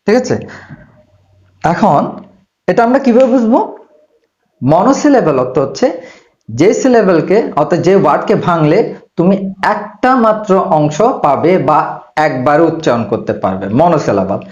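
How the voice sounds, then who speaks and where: A man's voice: fairly high pitch, sing-song, moderate pace, long pauses, a little mellow. A man teaching an English grammar lesson to beginners, patiently repeating key points and speaking directly to the student. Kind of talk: classroom-style lesson explanation. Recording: echoey room, dull lo-fi sound.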